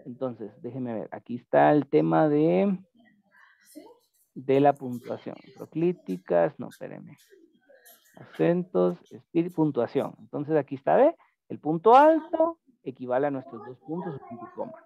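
A man's voice: on the high side, very animated, a little slow, creaky, dry recording. A man teaching a Greek lesson in an online class, patient and explanatory, often checking that his student follows. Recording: tinny phone-like call audio.

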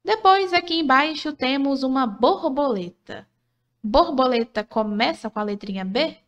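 A woman's voice: sits high, lively intonation, lo-fi sound. A woman narrating a scripted literacy lesson for children, patient and encouraging, sounding out syllables one by one. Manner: slow, patient, syllable-by-syllable teaching; encouraging, asks questions then answers them.

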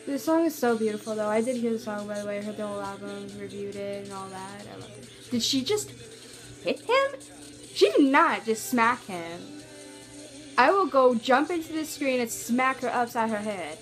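An excitable woman chatting through a reaction video, her voice high and bright. She rambles with fillers, and a loud music video plays behind her. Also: moderate pace. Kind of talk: casual reaction commentary.

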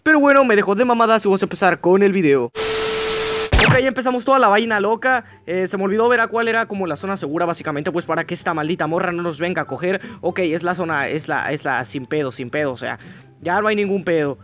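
A young man with a Mexican Spanish accent, giving profane horror game let's play commentary and yelling curses in panic. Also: high voice, fast talker. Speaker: gaming YouTuber.

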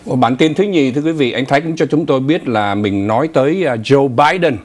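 A man's voice: medium pitch, brisk. A middle-aged man hosting a studio news talk show, speaking with many fillers and hesitations.

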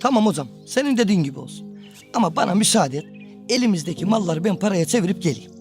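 A sly, placating swindler in a film comedy. His voice sits high for a man, and music plays behind it. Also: animated, quick pace, darkish tone.

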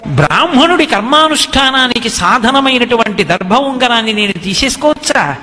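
A man voicing a motherly river goddess who gently chides, speaking slowly and softly in a long reverberant hall. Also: extremely high pitch, big pitch swings, full character voice. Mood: gently chiding.

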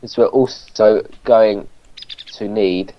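A man's voice: on the low side, steady tone, takes it slowly, a little hiss or hum. A man giving casual gameplay commentary, explaining things hesitantly in pieces over a voice chat. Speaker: gamer, co-host. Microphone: online voice call. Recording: dull lo-fi voice chat.

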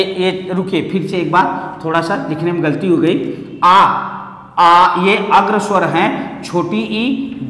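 High-voiced Hindi teacher in an echoey room. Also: male voice, a bit bright. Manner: explains slowly, repeats rhymes and asks questions. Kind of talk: online exam coaching lesson. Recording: echoey classroom reverb.

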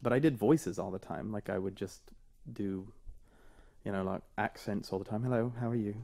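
A man in his thirties, a singer-songwriter guest on a radio show, talking in an animated, self-deprecating way with many fillers. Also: on the low side, normal speed, vocal fry. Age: 30s. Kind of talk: radio interview. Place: radio studio.

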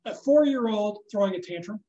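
A man's voice: sits high, expressive, brisk, mellow, highs cut off. Echoey male percussion teacher coaching. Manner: instructive, checks in with frequent "okay?". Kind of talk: hands-on music coaching. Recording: echoey room.

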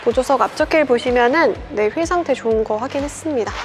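High-voiced young woman presenting a car. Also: quick pace. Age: young adult. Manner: methodical, polite sales presenter delivery. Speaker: used car dealership presenter. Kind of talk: scripted product walkaround presentation. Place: large indoor car showroom, car interior and garage. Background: background music.

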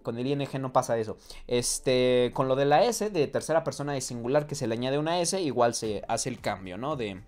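A man's voice: mid-range voice, lively intonation, brisk, darkish tone. A man giving a casual online English lesson, talking straight to the viewer, often checking "¿ok?" and correcting himself as he goes. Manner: thinks aloud with fillers and self-corrections. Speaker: English teacher.

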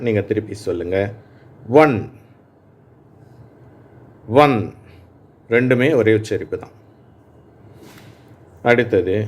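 A man teaching English phonics to adult learners, reading words slowly and patiently and pausing so listeners can repeat them. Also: on the low side. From Tamil Nadu, India. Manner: slow, patient, reads words aloud for repeating. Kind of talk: spoken lesson for adult learners.

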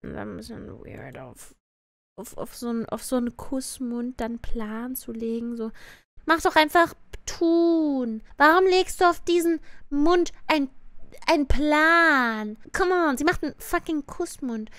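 High, cute anime-streamer woman. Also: lively intonation, measured pace, fairly bright tone, dry recording. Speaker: VTuber streamer reviewing a cartoon song dub. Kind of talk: casual reaction commentary on a livestream.

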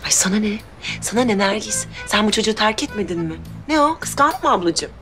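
An actress playing a gossipy, teasing older sister. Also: female voice, medium pitch, lively intonation, brisk, fairly bright tone, soft background music, close to an everyday voice.

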